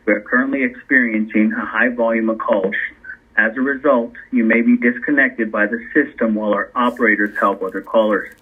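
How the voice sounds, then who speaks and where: A man reading a recorded phone menu greeting slowly and evenly. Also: medium pitch, husky. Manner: slow, even, spells out letters. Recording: tinny phone line.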